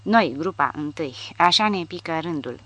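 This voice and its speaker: A woman's voice: low-pitched, expressive, dry recording. A woman reading the lines of a shaken, stammering male soldier delivering bad news. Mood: resigned. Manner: stammering, subdued.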